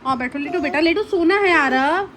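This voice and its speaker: Woman, 30s, mother and family vlogger, casual and chatty to camera, higher voice, noisy recording. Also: moderate pace. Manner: chatty, addresses viewers as friends. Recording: loud background noise.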